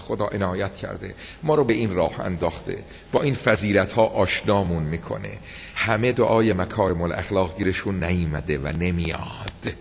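A man delivering a religious sermon, telling stories in a slow, emphatic way and rising to impassioned peaks. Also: deep voice, vocal fry, a little hiss or hum. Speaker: preacher. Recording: long hall reverb.

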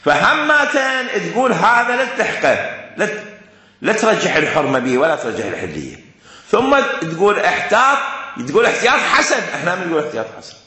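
A man's voice: high-pitched, sing-song, a little fast, sharp tone. A man with an Iraqi accent giving a classroom lecture, driving his points home by repeating them and asking rhetorical questions. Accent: Iraqi Arabic. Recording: very echoey room.

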